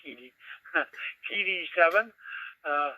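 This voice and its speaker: A man acting as net control for an amateur radio net. His voice comes through a scanner radio, and he speaks haltingly with many fillers while spelling out call signs. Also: on the high side, no echo, muffled recording. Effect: radio received through a scanner.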